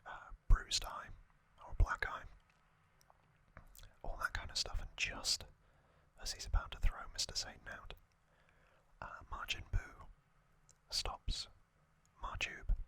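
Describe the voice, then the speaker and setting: Soft and breathy, the mostly unvoiced whisper of a trivia channel's ASMR host sits right up against the microphone. Recaps come gently, phrase by short phrase, with lingering silences.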